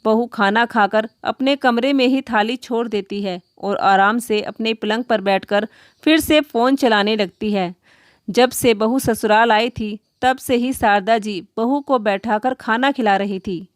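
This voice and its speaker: A woman's voice: fairly high pitch, measured pace, dry recording, clean studio sound. Woman narrating a moral story.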